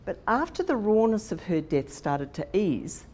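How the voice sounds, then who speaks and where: Telling a personal story to a conference audience, an Australian woman in her sixties speaks unhurriedly in a mid-range, darkish voice with big pitch swings, using fillers and restarts. She holds a microphone in the conference hall. The recording picks up echo and faint noise.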